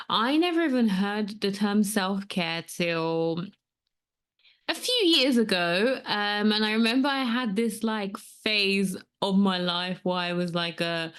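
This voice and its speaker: A woman in her thirties, born in Nigeria, hosting a solo podcast in an earnest, conversational way with frequent fillers. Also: fairly low pitch. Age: 30s. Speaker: podcast host and coach. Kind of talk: casual solo podcast talk.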